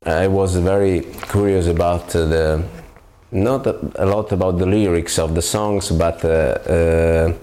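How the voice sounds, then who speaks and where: A man from Italy with a strong Italian accent, answering interview questions hesitantly and filling pauses with lots of ums and uhs. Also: low voice, steady tone, warm tone. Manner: hesitant, many fillers. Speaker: bassist interviewed.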